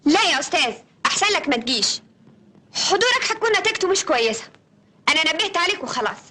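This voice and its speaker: A woman's voice: very high-pitched, very animated, racing, sharp tone, exaggerated voice. An actress playing an indignant young woman who angrily scolds a man on the phone, in a classic film. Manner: angry, demanding, scolding. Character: indignant young woman defending her sister. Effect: phone call. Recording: noisy old film soundtrack.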